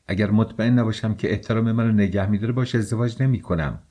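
A man's voice: lowish voice, dark tone, natural voice. A man voicing a proud young woman who pleads her case indignantly in a storybook reading.

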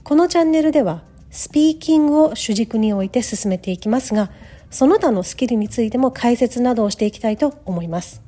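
A woman hosting a podcast English lesson, modeling pronunciation slowly and repeating words. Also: fairly high pitch, expressive, warm tone, faint music behind. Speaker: English teacher. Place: lives in Canada.

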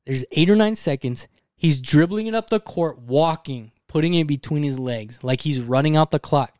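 Young male podcast co-host, slightly high voice, animated storyteller, salty language, dry close sound. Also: normal speed, dry recording. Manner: animated, swears freely, acts out voices in his story.

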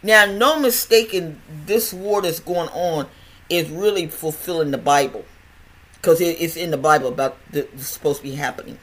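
At a moderate pace, the medium-pitched, fairly bright voice of an older podcast host carries a casual health monologue. He stutters and rambles in a chatty manner, with many restarts and repeated words.

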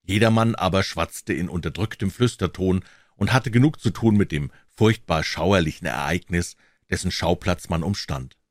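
A man reading a novel aloud as an audiobook narrator, telling the story in an expressive, dramatic way. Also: low voice, moderate pace, no room sound, studio quality.

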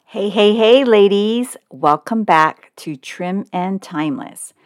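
Speaking slowly in a medium-pitched voice, an Oakland, California woman in her forties presents a scripted podcast monologue that's chatty, personal and upbeat. The audio is studio quality with no echo.

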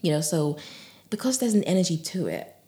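A woman guest on a podcast, a yoga teacher and author, talking in a gentle, soothing way with frequent laughs and soft breathy asides. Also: lowish voice, very animated, brisk. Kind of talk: relaxed podcast conversation.

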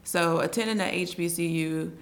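A woman in her thirties from Arkansas, a guest in a casual interview, telling her story calmly and plainly. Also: lowish voice, normal speed. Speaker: guest, entrepreneur.

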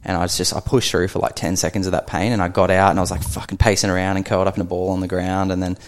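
A man's voice: low voice, level tone, very fast. An Australian man, a gym co-founder and podcast guest, chatting in a laid-back way and swearing freely. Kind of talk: casual podcast chat.

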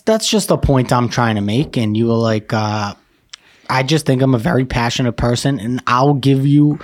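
A man with a Northeastern US accent co-hosting a podcast, talking in loud, profane and boastful casual banter. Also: mid-range voice, dry recording, clean studio sound. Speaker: podcast co-host.

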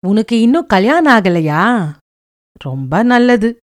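A woman's voice: on the high side, sing-song, slow pace. A woman voicing a blunt, teasing older village woman who talks in a drawling rural way. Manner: rural colloquial speech, drawls and teases.

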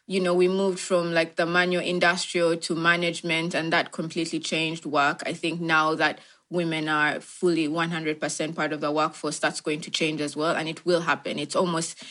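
Woman from Uganda, interview guest, fairly low voice, reflective, halting restarts. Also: fairly bright tone. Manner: reflective, many fillers and restarts. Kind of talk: thoughtful interview answers.

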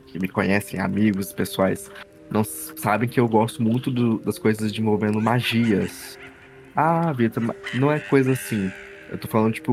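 A man co-hosting a podcast, talking in an animated way and swearing when he is startled. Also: fairly low pitch. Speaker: podcast co-host. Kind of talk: casual chat.

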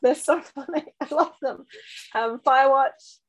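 A woman's voice: high-pitched, a little slow, no room sound, low-quality recording. A woman in a casual gaming chat as one of a podcast panel.

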